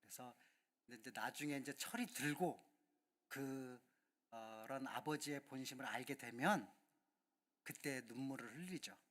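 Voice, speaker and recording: A man's voice: mid-range voice, moderate pace, long pauses, a bit bright. A male pastor giving a sermon and speaking earnestly and directly to the congregation.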